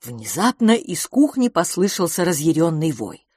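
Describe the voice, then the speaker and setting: A woman narrating a humorous novel with an expressive, animated reading. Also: low-pitched, normal speed, slightly rough, no echo, clean studio sound. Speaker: audiobook narrator.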